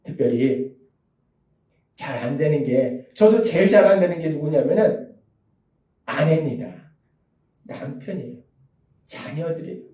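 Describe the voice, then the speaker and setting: A male pastor preaching a sermon with emphasis, swinging from loud outbursts to soft hushed speech. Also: on the high side, animated, a little slow, long pauses. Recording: echoey church hall, distant mic.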